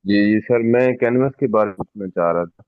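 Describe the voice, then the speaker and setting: A man's voice: on the low side, moderate pace. A male student in an online class. He speaks briefly and deferentially, and his call audio keeps breaking up. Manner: brief and deferential, repeats "ji, sir". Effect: choppy online call audio that keeps breaking up. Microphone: remote call mic, far from his mouth. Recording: tinny, dry, breaking-up call line.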